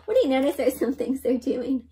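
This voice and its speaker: A young woman hosts an interactive read-aloud, sharing a picture book with children in a high, bright-eyed storytime voice whose pitch swings widely. Animated and expressive, she often stops to ask her young listeners questions, and the recording is very noisy.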